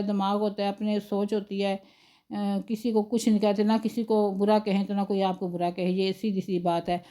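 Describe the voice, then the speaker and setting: Chatty middle-aged woman vlogger, mellow. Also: a little high. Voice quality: chatty, rambling storyteller. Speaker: home-cooking vlogger. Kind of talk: casual vlog chat over footage.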